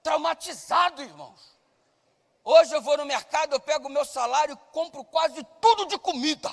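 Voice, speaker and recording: A male pastor preaching a sermon with comic stories, loud and at times shouting, acting out the voices of people in his stories. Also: very high-pitched, expressive, normal speed, vocal fry, long reverb tail.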